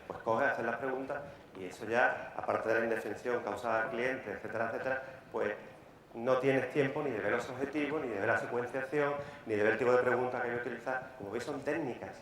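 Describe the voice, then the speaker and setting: A man with a Peninsular Spanish accent, a lawyer giving a live workshop lecture, talking briskly and repeating key words for emphasis. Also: medium pitch, fairly bright tone. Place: large conference hall. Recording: echoey hall, faint room noise.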